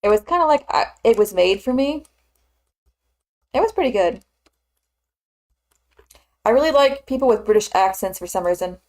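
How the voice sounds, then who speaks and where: Young woman streaming, chatting away while modeling, rambly, says like a lot, average pitch. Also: lively intonation, normal speed, long pauses, a little mellow. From Southern United States. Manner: rambling, lots of "like" fillers. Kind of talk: casual chat while 3D modeling.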